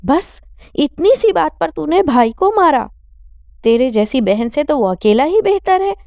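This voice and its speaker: A woman voicing a fierce, doting mother who wails and scolds in a sharp-tongued way. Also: on the high side, smooth, no echo, lightly acted. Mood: shrill, outraged. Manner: wailing, cursing, sharp-tongued.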